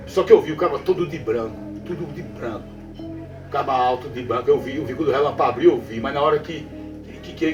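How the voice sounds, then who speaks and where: A man with a Northeastern Brazilian accent tells a backlands ghost tale in a rather high voice, going back over his own phrases and checking in with his listener. He sounds a little far from the mic in a roomy space, with faint music underneath. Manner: repetitive, checks in with the listener often. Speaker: storyteller. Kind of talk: spoken folk tale told to a listener.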